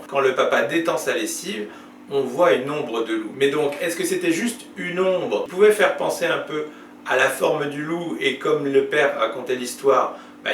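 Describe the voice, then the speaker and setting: A man's voice: medium pitch, a bit bright, echoey room, recorded from a distance, slight background noise. A man, a library storyteller, chatting casually with young viewers after a story, musing and asking questions.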